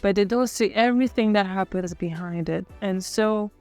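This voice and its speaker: Young woman from Cameroon, vlogger, earnest reflective storytelling, clean resonant voice, soft music underneath. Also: medium pitch, normal speed. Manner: earnest, musing, self-correcting.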